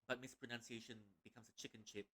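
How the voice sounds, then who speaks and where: A man's voice: medium pitch, flat delivery, fast talker, sharp tone. A young man from Malaysia with a Malaysian English accent, a playful streamer who laughs often while commenting on a game.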